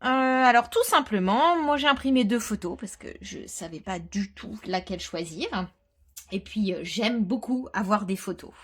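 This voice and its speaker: A woman presenting a casual step-by-step scrapbooking tutorial, chatting as she works and dropping into quiet muttered asides. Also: mid-range voice, lively intonation, normal speed, husky.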